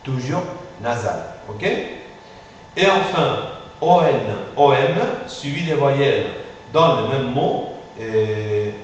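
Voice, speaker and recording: A male phonetics teacher giving a classroom pronunciation lesson, patient and drilling sounds slowly with many repetitions. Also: medium pitch, lively intonation. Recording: echoey room, far from mic, faint hiss.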